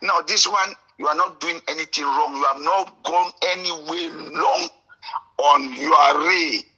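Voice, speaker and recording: A man from Cameroon with a Cameroonian English accent, calling in to a radio show, impassioned and indignant, at times breaking into shouts. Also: on the high side, unhurried, slightly rough, dull audio. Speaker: caller. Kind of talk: call-in radio talk.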